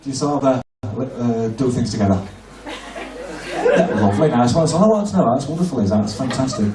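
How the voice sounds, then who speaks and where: A man performing a live comedy hypnosis show on stage, mixing crude, cheeky banter with slow hypnotic patter. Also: mid-range voice, lively intonation. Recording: echoey venue from far off, loud crowd. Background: laughing audience.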